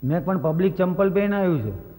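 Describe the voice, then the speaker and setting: A man's voice: sits high, very animated, fast talker, dark tone. A man with a Gujarati accent telling comic anecdotes on stage as a stand-up comedian and mimicry artist, slipping into the voices of the people he quotes. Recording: stage recording with long hall reverb.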